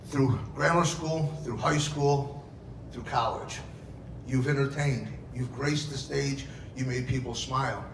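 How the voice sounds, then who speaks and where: At a wedding reception, a middle-aged father of the bride shares family stories in a heartfelt speech, dramatizing the quotes. His pitch is medium, his intonation fairly even, and he takes his time. The recording is distant, picking up echo and noise from the event room.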